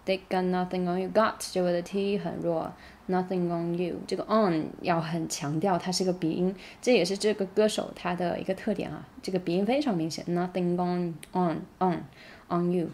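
In a casual tutorial, a native Mandarin-speaking woman shows how to pronounce an English song, going through the lyrics slowly one word at a time. Her low, darkish voice keeps a fairly even intonation, and a little hiss or hum can be heard.

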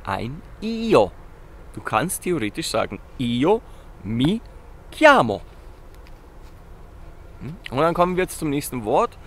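A man with a fairly high voice giving a relaxed beginner language lesson outdoors in a town. He keeps asking his viewers questions and repeats each example word slowly and loudly. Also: slight background noise. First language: Italian. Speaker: Italian teacher. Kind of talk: casual video lesson.

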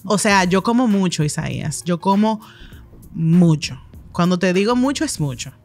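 A Dominican chef in her thirties tells stories as a guest in a podcast studio with brick walls and plants, gesturing lively and tossing in quick asides during the casual interview. She speaks with a Dominican Spanish accent in a fairly low voice into a boom-arm studio mic, with faint music behind her.

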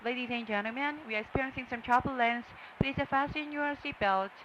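A woman's voice: on the high side, very slow, a bit bright. A woman, a flight attendant reading a formal scripted safety announcement. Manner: formal phrasing. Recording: muffled cabin PA, clear background noise.

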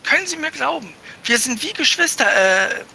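A nervous young street boy who stammers and stumbles over his words, as a male reader puts him on. The voice sits high and sharply bright, fitting a storybook scene read aloud. A faint rumble hums behind the voice. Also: big pitch swings, normal speed, creaky, heavily acted. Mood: flustered. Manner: stammering, hesitant.

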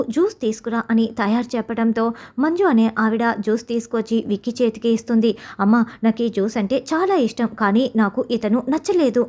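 Woman narrator, fairly high voice, serial recap, voices every character herself. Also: a little mellow. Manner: reads out every character's lines in her own voice. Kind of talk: retelling a TV serial episode.

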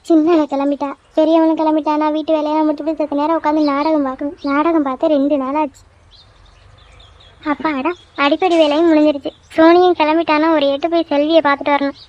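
A woman's voice: sits high, little pitch movement, fast, darkish tone, dull audio, close to an everyday voice. A woman voicing a nagging middle-aged mother in a cartoon, scolding her daughters. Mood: musing. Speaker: voice actor. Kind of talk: cartoon dubbing.

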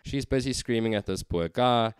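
A man's voice: medium pitch, moderate pace, clear, resonant tone, dry recording. A man casually recounting an anecdote, with frequent ums. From South Africa. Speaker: vlogger. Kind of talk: casual storytelling.

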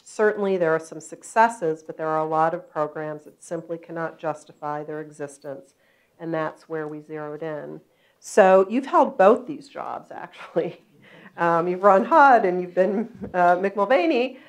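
An older woman interviewing a guest on stage, asking measured questions with many fillers. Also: fairly low pitch, rough recording. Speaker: interviewer, moderator. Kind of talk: onstage conversation. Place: stage at a journalism foundation event, seated in armchair.

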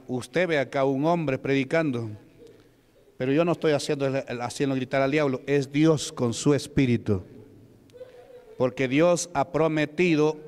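A man's voice: mid-range voice, clean tone. A man from Peru preaching as a deacon, commanding and rebuking at a deliverance service in a church. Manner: commanding, repetitive shouted rebukes. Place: church sanctuary. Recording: echoey church hall.

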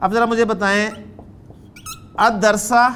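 Pakistani male teacher, very high voice, lecturing slowly and quizzing the class. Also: animated, a bit bright, slight background noise. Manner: quizzes students, drawn-out phrase by phrase. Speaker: Arabic grammar teacher.

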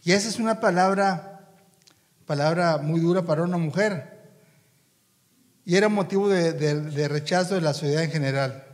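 A man preaching a sermon, halting and repeating his words as he speaks to his congregation. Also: on the high side, big-room sound.

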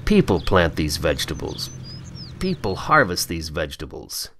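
A man with a very low voice reads a scripted promotional voice-over from Canada, his pitch rising and falling with plenty of movement. His delivery is calm and unhurried. A faint hiss of noise sits under the close-miked recording. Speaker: narrator.

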